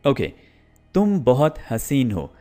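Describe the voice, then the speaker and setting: Guy teaching english, slow and very up and down, stretches out example sentences, faint music behind. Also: mid-range voice, huge pitch swings, mellow. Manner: slow, drawn-out model sentences between explanations. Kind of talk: spoken English lesson.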